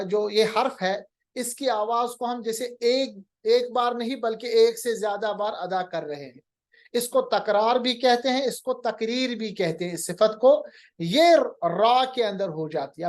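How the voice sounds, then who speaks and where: A man teaching Quran recitation in a recorded lecture, patiently explaining, mixing in English terms and drawing out sounds to demonstrate them. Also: high-pitched.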